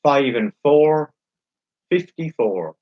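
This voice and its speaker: A man calling bingo, announcing each number in a measured, formulaic way, digit by digit and then in full. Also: on the high side, expressive. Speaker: bingo caller and host. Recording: dull, lo-fi sound.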